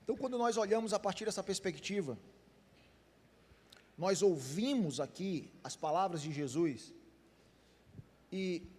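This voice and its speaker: A man's voice: sits high, animated, measured pace, long pauses, a little mellow, husky. A man with a Brazilian Portuguese accent, a pastor preaching a sermon, speaking straight to the congregation with questions and acted-out dialogue. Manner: addresses the congregation directly with questions; conversational preaching with quoted dialogue. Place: church hall. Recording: long hall reverb.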